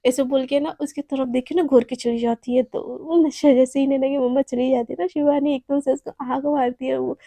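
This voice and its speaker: A young woman casually retelling a love story in a chatty, animated way, full of fillers. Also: sits high, fairly quick, few pauses, no room sound.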